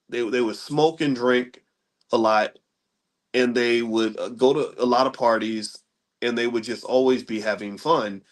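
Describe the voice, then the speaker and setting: A middle-aged man, casually explaining money ideas in a rambling style and often checking in with "right?". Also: mid-range voice. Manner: conversational, rambling with restarts, asks listeners "right?". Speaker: commentator on economics. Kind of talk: casual lecture-style talk.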